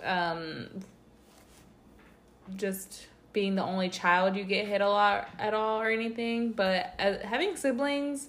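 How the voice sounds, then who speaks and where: A young woman talking slowly in a relaxed casual chat. She laughs often and fills her pauses with "um" and "like", restarting her sentences as she goes. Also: fairly high pitch. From United States. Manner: giggly, halting, lots of fillers. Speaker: co-host.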